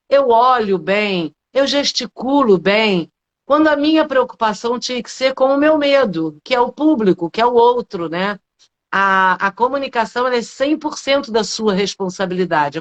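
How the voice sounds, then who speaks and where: Brazilian lady coach explaining stuff on a live, kinda high voice, lots of rhetorical questions and tag questions. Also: muffled recording. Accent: Brazilian Portuguese. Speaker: public speaking coach, guest. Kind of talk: explanatory talk in a live interview.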